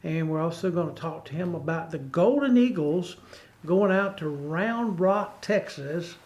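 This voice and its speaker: A man hosting a casual sports talk show in a halting, stammering way, often repeating his words. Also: on the high side, animated, a little mellow.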